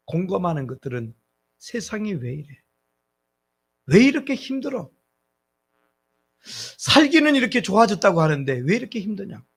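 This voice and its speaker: A man's voice: high-pitched, breathy edge. A middle-aged male pastor preaching a sermon in a conversational way, asking his congregation rhetorical questions.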